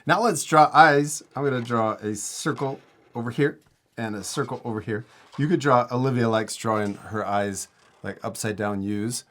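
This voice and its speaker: In a relaxed drawing lesson aimed at children, a man offers easy, upbeat instructions step by step. He speaks at a normal speed in a medium-pitched, fairly bright voice.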